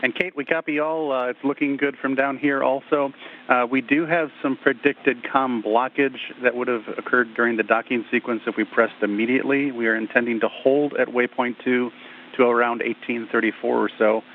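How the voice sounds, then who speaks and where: A man in mission control answering the crew in calm, measured procedure over a radio link that sounds like a sci-fi communicator. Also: medium pitch. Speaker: ground controller. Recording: tinny radio line with faint hiss.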